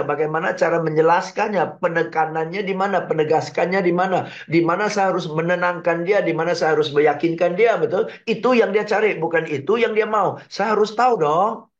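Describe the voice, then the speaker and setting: A man gives sales advice as a radio guest, energetic and fond of rhetorical checks with his listener. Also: sits high. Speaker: sales trainer guest on a business radio show. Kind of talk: radio talk, explaining with lively examples. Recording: dull lo-fi radio broadcast.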